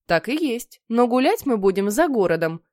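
A woman's voice: on the high side, very animated, normal speed, a little mellow, no echo, studio quality. A woman voicing a strict mother who speaks firmly. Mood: stern. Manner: stern, firm.

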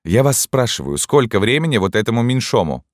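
Man doing a canteen woman from an audiobook, soldierly, loud, scolding, raised pitch, dry sound. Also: big pitch swings, a little fast, no room sound, natural voice. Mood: gruff kind. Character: rough-voiced soldierly army canteen woman, kind. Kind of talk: audiobook narration.

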